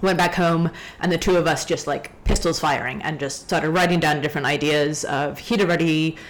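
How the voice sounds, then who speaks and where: A young woman from Hong Kong telling a story in a casual podcast chat, ranty and animated. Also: low voice, normal speed. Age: young adult. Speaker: guest.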